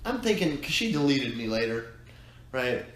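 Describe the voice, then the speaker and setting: A man's voice: mid-range voice, very animated, normal speed, a bit bright. Rambling man in an echoey room. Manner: rambling, trailing off, restarts. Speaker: podcast co-host. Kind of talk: casual chat, storytelling. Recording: echoey room, faint noise.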